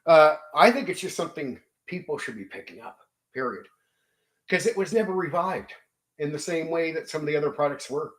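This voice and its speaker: A man's voice: fairly high pitch, animated, brisk, fairly bright tone. A man hosting his channel, casually recounting a tabletop game session, swearing freely and acting out quotes and sound effects. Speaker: channel host.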